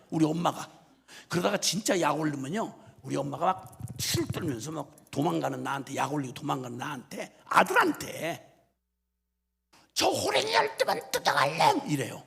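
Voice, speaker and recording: A man's voice: fairly high pitch, brisk, gravelly, slightly rough. A man, a missionary preacher, giving a revival sermon in a church, telling stories with humor and mimicry. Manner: animated storytelling with humor and mimicry. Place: church sanctuary. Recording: long reverb of a church hall.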